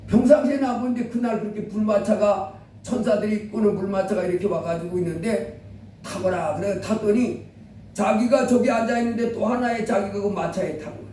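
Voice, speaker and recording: A man preaching a sermon, telling a story with animated quoted voices. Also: sits high, fairly quick, a little hiss or hum. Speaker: pastor. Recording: echoey room from a distance.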